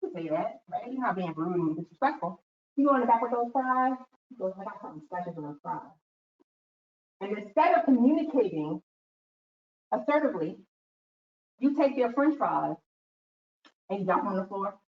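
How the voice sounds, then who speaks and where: A woman's voice: a little high, normal speed, long pauses. A woman giving a talk to students, telling stories and acting out quotes as she goes. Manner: animated storytelling with acted-out quotes. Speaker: guest speaker. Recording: echoey room, distant mic, dull sound.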